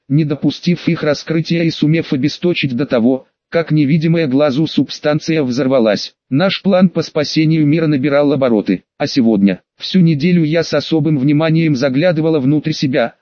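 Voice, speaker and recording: Fairly high-voiced male audiobook narrator. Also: normal speed, few pauses, darkish tone, dry recording, lo-fi sound. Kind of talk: scripted first-person narration.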